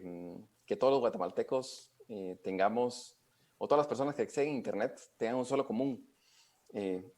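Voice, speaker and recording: A man with a low voice answers as an expert guest. He explains step by step, pausing often and filling gaps with hesitations. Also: dark tone. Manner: hesitant, many fillers, explanatory. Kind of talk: interview answers.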